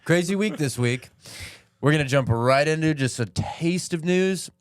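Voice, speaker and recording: A man's voice: on the high side, moderate pace, smooth, no echo. A man co-hosting a comedy podcast, riffing goofily and laughing often. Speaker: podcast co-host. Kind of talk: casual comedy chat.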